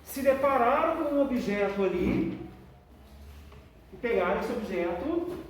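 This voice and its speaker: A woman teaches a classroom lesson, explaining patiently and often checking in with her students. Her voice is on the high side, animated and a little slow. The room is echoey, the mic distant, with faint noise.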